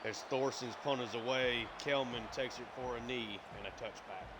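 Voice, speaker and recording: A man's voice: mid-range voice, steady tone, normal speed, very noisy. Man calling a football video game. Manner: conversational, filler-heavy, hiccuping. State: has the hiccups. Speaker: gaming YouTuber. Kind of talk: play-by-play game commentary.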